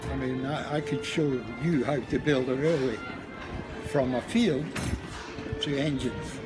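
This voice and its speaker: An older man with a Scottish accent chatting casually, often pausing and searching for his words. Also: medium pitch. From Scotland. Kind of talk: casual chat. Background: loud music and crowd.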